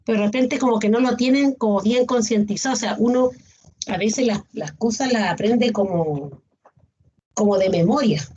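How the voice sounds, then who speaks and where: A woman's voice: fairly high pitch, moderate pace, mellow, breathy edge. A woman teacher gives an online class, patiently listing examples and often checking in with her students. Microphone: video call. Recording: dull lo-fi video call audio.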